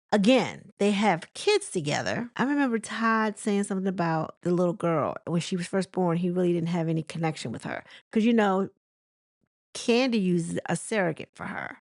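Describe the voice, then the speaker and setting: A woman's voice: lowish voice, sing-song, normal speed, dry recording, studio quality. A woman chatting casually about celebrity gossip, rambling with lots of fillers and restarts. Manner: chatty and conversational. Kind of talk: casual commentary.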